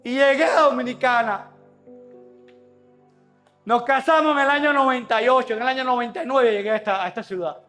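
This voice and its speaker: A male pastor delivering an impassioned sermon in a church, building to shouted peaks. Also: high voice.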